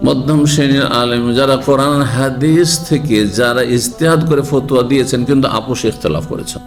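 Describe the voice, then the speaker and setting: A man delivers a religious lecture, steady and explanatory, in a medium-pitched voice. He keeps turning to his listeners with rhetorical questions. Faint background music runs under his voice. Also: brisk. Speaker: Islamic scholar giving a lecture.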